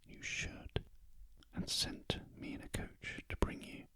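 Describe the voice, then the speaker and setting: A whispered role-play of a tender, eager little girl from a storybook, acted out by a British man. The whisper is soft, breathy and unhurried, with gentle affection. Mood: tender glee.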